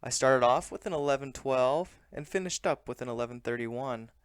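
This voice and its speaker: A man narrating a vlog recap as a vlogger, in a plain, measured and earnest way. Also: medium pitch, clean tone, no room sound, studio quality. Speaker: running vlogger.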